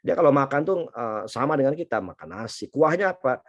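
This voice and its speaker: A man's voice: medium pitch, animated, brisk, lo-fi sound. A middle-aged man from Indonesia giving a casual university lecture, chatty and anecdotal, with many fillers and restarts.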